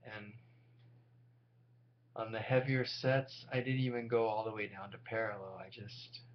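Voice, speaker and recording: His voice is lowish and level, and he keeps a measured pace as he chats casually with viewers. The forty-something vlogger sounds worn out and short on sleep, wandering through a frank, self-deprecating monologue. Dull lo-fi audio carries a loud hum.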